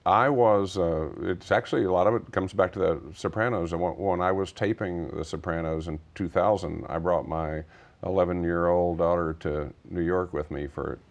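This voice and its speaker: A middle-aged Texan who founded a nonprofit speaks as an interview guest, explaining things in an earnest, discursive, conversational way. His deep, gravelly voice moves at a normal speed with fairly even intonation.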